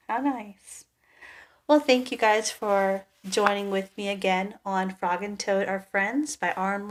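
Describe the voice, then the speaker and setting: Slow, gentle woman reading to kids. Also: mid-range voice. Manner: gentle, with soft sympathetic asides. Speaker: children's story reader. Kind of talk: reading a picture book aloud to kids.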